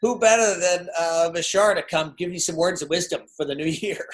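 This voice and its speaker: A man's voice: high-pitched, fairly quick, low-quality recording. A man hosting an interview, upbeat and enthusiastic, with a friendly manner. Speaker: host. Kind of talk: conversational interview.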